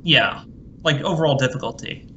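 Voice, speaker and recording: A man's voice: medium pitch, moderate pace, sharp tone, a little hiss or hum. Chatty man on a lo-fi mic. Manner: chatty, laughs, reads game text aloud. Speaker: gaming streamer. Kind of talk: casual gameplay chat.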